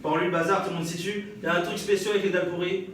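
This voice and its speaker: A young comedian with a French accent tells stories on a live stage, bantering with the crowd and laughing, his delivery flat but racing. His slightly high, somewhat bright voice is picked up from afar. Heavy room echo and clear audience noise surround him.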